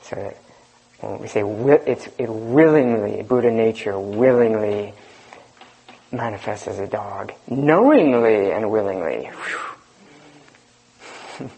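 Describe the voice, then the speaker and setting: Soft-spoken male meditation teacher, gravelly and unhurried, low voice. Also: fairly even intonation, rough recording. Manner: slow, reflective, soft-spoken with pauses. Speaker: dharma teacher. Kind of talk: group dharma discussion.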